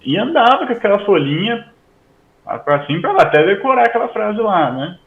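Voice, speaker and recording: A man's voice: high voice, big pitch swings, brisk, creaky, roomy sound, phone-quality sound. A Brazilian man, a Hebrew teacher, chatting as a guest and ending almost every sentence with a questioning tag. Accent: Brazilian Portuguese. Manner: tags most sentences with "né?". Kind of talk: casual interview chat.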